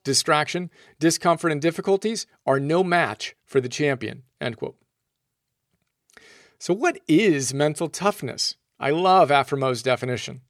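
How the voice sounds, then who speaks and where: Man, motivational book-summary narration, earnest, slightly high voice, dry close mic. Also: dry recording. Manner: earnest, motivational, reads quotes aloud. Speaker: host summarizing books.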